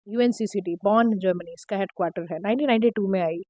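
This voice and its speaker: A woman teacher, giving an exam-prep lecture in a direct, instructive way, her throat slightly hoarse. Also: medium pitch, quick pace, warm tone, no room sound. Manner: direct, instructive, mixing Hindi and English. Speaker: current affairs teacher.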